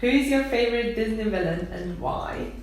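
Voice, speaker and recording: A woman chatting casually in a group Q&A, soft-spoken and quick to laugh. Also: on the high side. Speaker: co-host of a channel Q&A. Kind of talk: casual chat. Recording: roomy echo with music.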